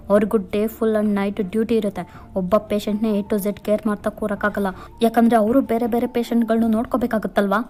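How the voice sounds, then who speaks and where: A woman's voice: medium pitch, warm tone, close to an everyday voice. A woman doing a stern lecturing doctor. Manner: firm, lecturing, matter-of-fact.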